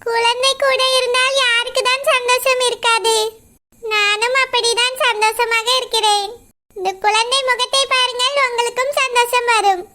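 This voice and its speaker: A woman voicing a gentle young bride-to-be who speaks formally and softly. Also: very high voice, little pitch movement, normal speed. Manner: formal, soft-spoken.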